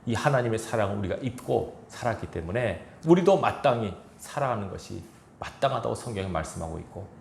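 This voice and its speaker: A man's voice: on the low side, lively intonation, brisk, creaky, reverberant, a little hiss or hum. A man preaching a sermon as pastor of a church, earnest and exhorting, with chuckles and quoted asides. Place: church sanctuary.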